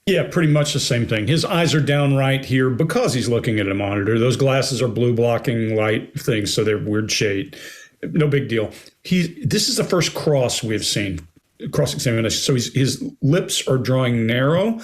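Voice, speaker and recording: A man on a panel discussion giving quick, matter-of-fact observations. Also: medium pitch, animated. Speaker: panel analyst. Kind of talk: casual panel commentary.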